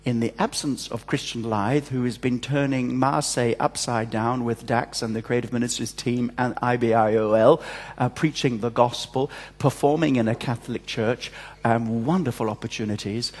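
A man's voice: medium pitch, fairly even intonation, normal speed. A man leading church notices at a pulpit microphone, joking and chatty as he talks to his congregation. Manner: jovial, self-mocking, chatty. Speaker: church service leader giving announcements. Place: large church hall. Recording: long church hall reverb.

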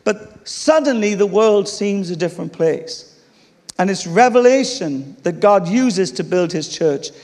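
This English-accented preacher has a high-pitched voice and a measured pace. He tells a funny story with plenty of laughter in an animated way before getting to the teaching part of his sermon. Long reverb from a large hall is heard throughout.

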